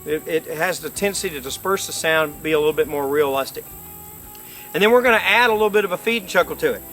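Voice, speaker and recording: A man's voice: fairly high pitch, quick pace, fairly bright tone, faint music behind, poor audio. A middle-aged man giving an informal, folksy instructional demonstration, explaining step by step. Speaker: duck-calling instructor. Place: outdoors by a lake.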